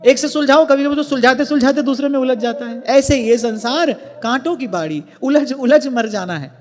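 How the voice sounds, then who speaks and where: Male devotional preacher, very high voice, slow, explanatory; long hall reverb with faint music behind. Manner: earnest teaching, explains word emphasis with examples. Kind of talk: devotional discourse.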